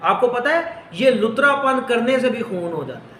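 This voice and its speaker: A man teaching a Bible lesson, slowly repeating phrases so his students can write them down. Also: extremely high pitch, big pitch swings, sharp tone. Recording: echoey room.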